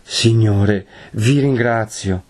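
An anxious mother urging caution in a hushed, hurried voice, only a little above the reader's own, as a male narrator puts her on. She sounds fretful and protective. The medium is an audiobook of a classic novel. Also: expressive, husky. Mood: worried. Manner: urgent, lowered voice.

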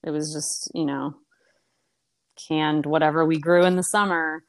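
A young woman with a fairly low voice talks casually. She rambles, circling back on her own sentences and leaning on fillers as she reminisces. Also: fairly even intonation, unhurried. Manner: rambling, many fillers and restarts. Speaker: podcast guest. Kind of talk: casual conversational storytelling.

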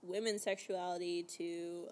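A woman's voice: lowish voice, level tone, unhurried, darkish tone. Chatty, cursing young woman hosting outdoors. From British Columbia, Canada. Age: 20s. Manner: chatty, swears casually, laughs, lots of "like" and "um". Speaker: podcast host. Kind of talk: casual chat.

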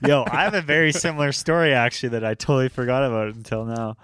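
A man with a smooth, clear, mid-pitched voice chats casually with friends, slangy and profane. His voice sounds dry and close. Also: steady tone, fast, fairly bright tone, dry recording. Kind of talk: casual chat.

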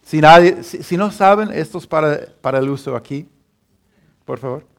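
Halting Spanish-speaking pastor man preaching. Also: a little high. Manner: halting, many restarts, chuckles at his own story. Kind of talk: sermon.

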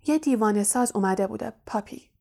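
A woman voicing a strict female school professor who speaks in a dry, brisk way in an audiobook. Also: medium pitch, vocal fry, a little mellow, close to an everyday voice. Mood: stern.

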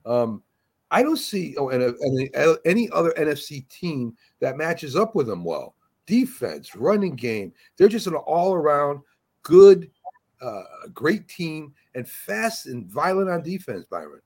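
A man hosting a casual sports talk show, speaking in a halting, conversational way and steering the talk. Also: a little high, sing-song, darkish tone, slightly rough. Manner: conversational, halting, leads the talk and hands it to others.

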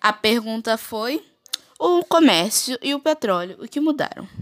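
A woman's voice: fairly high pitch, lively intonation, unhurried. A woman presents a school geography podcast, reading her script in short phrases. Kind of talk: read-aloud school presentation.

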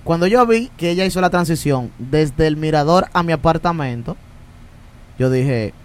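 A man's voice: fairly high pitch, expressive, moderate pace, clear, resonant tone. A man, a podcast co-host who jokes, teases the others and tells anecdotes in casual chat.

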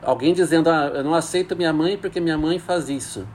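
A man's voice: on the high side, quick pace, a little hiss or hum. A man, a priest speaking in a thoughtful, hesitant way with many fillers. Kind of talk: casual reflective talk.

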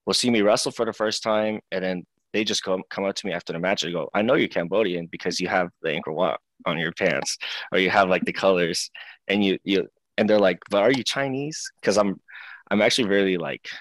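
A young man from Seattle talks in a very low voice, relaxed and chatty, tripping over little fillers and restarts as he answers interview questions. The sound is dry and close, with no room around it. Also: fairly quick, dry recording. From Seattle, United States. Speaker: professional wrestler, guest. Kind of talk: casual interview talk.

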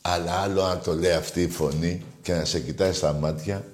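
A man's voice: low voice, fairly even intonation, roomy sound, background noise. A man hosting a call-in radio show, telling stories animatedly and teasing callers. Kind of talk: casual call-in radio chat.

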